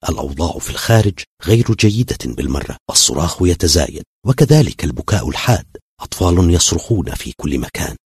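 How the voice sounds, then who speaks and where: Deep raspy guy reading a spooky story, lively swoopy delivery, dry close sound. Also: no echo. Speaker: narrator. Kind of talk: dramatic audio story narration.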